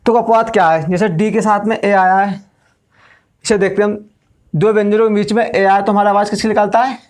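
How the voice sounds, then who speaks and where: A man's voice: high voice, fairly even intonation, fairly quick. A male English teacher, giving a classroom lesson and explaining step by step, asking questions and then answering them himself.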